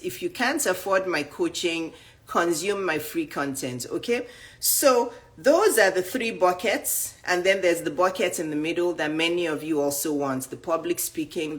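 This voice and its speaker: A dating and life coach with a low-leaning, somewhat bright voice talks directly to camera. Her delivery is blunt and emphatic, built around rapid lists of questions.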